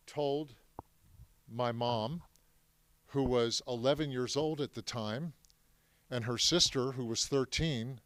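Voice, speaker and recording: He is a native French speaker sharing his family's Holocaust story with a live audience, animated and prone to quizzing the crowd. The tone is clean, the pitch medium, and the recording dry.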